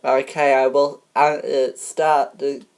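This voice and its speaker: Very low, slow-talking woman hosting a homemade quiz. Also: flat delivery, darkish tone, clean tone. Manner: halting, many ums and restarts. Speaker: game show host. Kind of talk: homemade game show parody.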